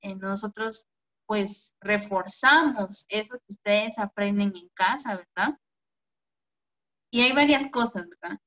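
A woman primary school teacher giving an online class to children, gentle and affectionate, often ending phrases with a questioning "¿verdad?". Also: medium pitch, takes it slowly. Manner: affectionate, calls pupils "mi amor". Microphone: video call. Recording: dull lo-fi video call audio.

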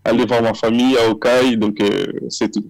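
A French man in his thirties answers interview questions over a video call, speaking calmly and with plenty of hesitations. His voice sits at an ordinary middle pitch. The sound is dry, picked up close by his earphone mic in a small room. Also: vocal fry, dry recording, rough recording. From France. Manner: relaxed, measured, many fillers. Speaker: guest, footballer. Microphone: earphone headset on video call.

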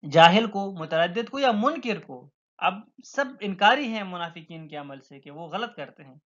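A man teaching a religious text, explaining it point by point with pauses and fillers, reciting Arabic lines slowly before translating them. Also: high-pitched, animated, a bit bright, highs cut off. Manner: explains step by step with fillers and repetitions. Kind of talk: classroom lecture explaining a text.

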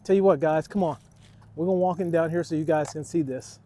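With a quick pace and a mellow, slightly high voice, a middle-aged man hosts his outdoor fishing vlog from a dock by the water. He's chatty and keeps calling his viewers "guys." His camera is on a tripod, though at times he holds it for selfies.

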